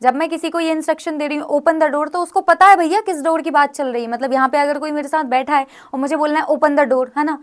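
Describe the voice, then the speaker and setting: A woman's voice: sits high, fairly even intonation, quick pace, hardly any pauses. A woman teaching a grammar lesson, explaining rules step by step and often checking in with her students. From India. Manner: frequent check-in questions to students.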